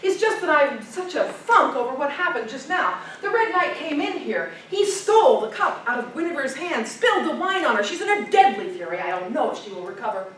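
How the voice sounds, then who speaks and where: A woman's voice: high voice, sing-song, brisk, hardly any pauses, a bit bright, slight background noise, pitched above the performer's own voice. A woman voicing a distracted, gloomy king who apologizes in a flustered rush, in an echoey room far from the mic. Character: distracted, gloomy middle-aged male king.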